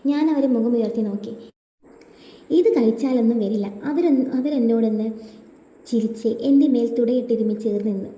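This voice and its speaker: Woman story narrator, steady first-person reading, very dark mellow voice, roomy echo with long reverb. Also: a little high, a little fast.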